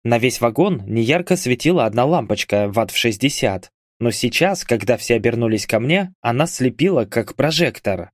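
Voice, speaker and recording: A man reading an audiobook aloud as narrator, with expressive, lively storytelling. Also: medium pitch, moderate pace, hardly any pauses, dry recording, clean studio sound.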